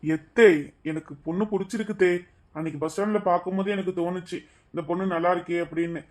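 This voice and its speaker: A woman voicing a cheerful young groom in a cartoon, speaking in an eager, rapid, friendly way. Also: on the low side, fairly even intonation, darkish tone, natural voice. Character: cheerful young groom, grinning office manager. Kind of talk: cartoon voice acting.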